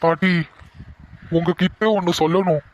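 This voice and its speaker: A man's voice: high-pitched, level tone, normal speed, dull audio, slight background noise, natural voice. A man voicing a reluctant cartoon young man. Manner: quiet, pleading. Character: reluctant young man resisting his marriage. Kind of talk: cartoon voice acting.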